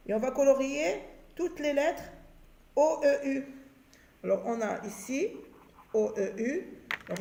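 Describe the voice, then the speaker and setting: A woman's voice: fairly high pitch, creaky, warm tone. A woman teaching a phonics lesson to young pupils, patiently repeating letters and checking in with them as she goes. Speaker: primary school teacher. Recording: roomy echo.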